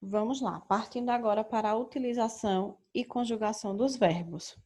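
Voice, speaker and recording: A mellow, slightly high voice belongs to a young adult woman with a Brazilian Portuguese accent. As a teacher in a recorded grammar lesson, she explains things in a measured way and keeps checking in with her students.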